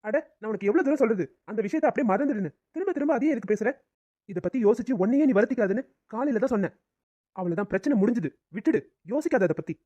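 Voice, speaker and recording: A man voicing a stern but loving middle-aged father in a cartoon family drama, firm and quick-spoken. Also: very high-pitched, expressive, mellow, dry recording, muffled recording. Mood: comforting. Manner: firm, rapid, angry when pushed. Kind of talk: cartoon dubbing.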